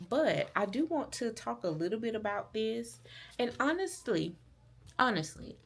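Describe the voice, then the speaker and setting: A woman from Alabama with a Southern accent, chatting casually and rambling about books in her vlog. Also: on the low side. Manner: chatty, rambling, with fillers and restarts. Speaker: book vlogger. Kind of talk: casual chat.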